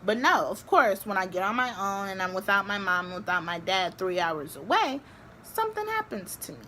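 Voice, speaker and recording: A woman's voice: medium pitch, a little fast, slight background noise. Chatty young woman vlogger. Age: young adult. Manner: chatty, animated, many filler likes. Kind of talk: casual storytelling to camera.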